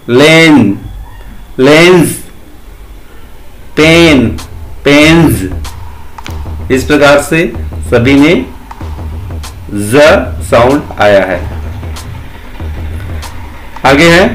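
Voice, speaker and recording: A man teaching English pronunciation in a slow lesson, saying single sounds and words one at a time in drills. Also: on the high side.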